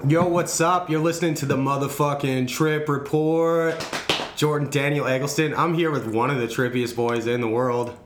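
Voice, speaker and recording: A man's voice: a little high, fairly even intonation, normal speed, background noise. A man hosting a podcast, talking crude and teasing with a sick, congested voice. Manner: loud, profane, teasing. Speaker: podcast host. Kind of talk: crude casual chat. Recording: echoey room.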